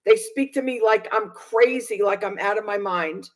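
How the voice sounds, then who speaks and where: A woman in her sixties, a vlogger, recounts a personal experience to her viewers. Her medium-pitched voice moves at a moderate pace, and she sounds aggrieved and emphatic, repeating phrases for stress.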